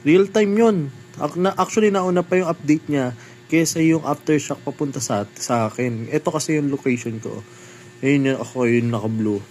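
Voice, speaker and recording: A man chatting casually to his viewers while showing a phone screen, excitable and talkative. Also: mid-range voice, a little hiss or hum, poor audio. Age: adult with a child. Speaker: phone reviewer vlogger.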